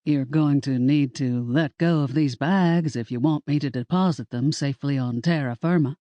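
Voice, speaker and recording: A woman voicing a laid-back, courteous Southern gentleman in his thirties, smooth and genteel, in an audiobook. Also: rumbling low, no echo, dull audio. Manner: genteel, wordy, unhurried.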